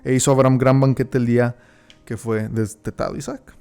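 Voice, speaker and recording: A man's voice: mid-range voice, flat delivery, moderate pace, a little mellow, clear, resonant tone, soft background music. A man teaching a Bible study. He reads verses aloud, then explains them and keeps checking in with his listeners.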